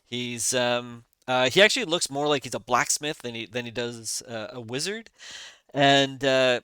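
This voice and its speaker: A man running a tabletop game as game master, his narration bright and very clear. He hesitates often and restarts sentences, and the sound is dry and close. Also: medium pitch, measured pace, dry recording. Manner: hesitant, many fillers and restarts.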